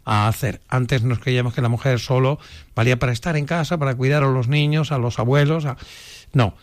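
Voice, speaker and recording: A man from Spain hosting a local radio show, interviewing a guest and talking between segments, halting with many fillers. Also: medium pitch, fairly even intonation. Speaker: radio host.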